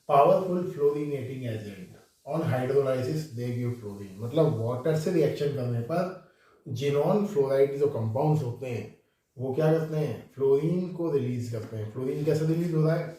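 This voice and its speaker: A man's voice: medium pitch, warm tone. A male chemistry teacher lecturing in speech, repeating key points and mixing English terms in. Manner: explains with repetition, mixes English terms into Hindi. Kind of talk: recorded classroom lecture. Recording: echoey room, voice from far off.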